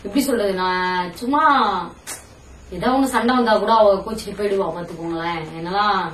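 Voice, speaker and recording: A woman's voice: medium pitch, fairly quick, roomy sound, distant mic, a little hiss or hum, low-quality recording. A young woman in a casual prank vlog, talking bluntly and scolding, then teasing. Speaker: prankster vlogger.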